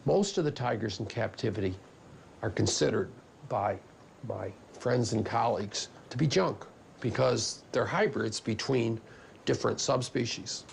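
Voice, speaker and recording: Very gravelly older man in an interview. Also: medium pitch, measured pace, slight background noise. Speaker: geneticist interviewee. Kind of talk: documentary interview, explaining.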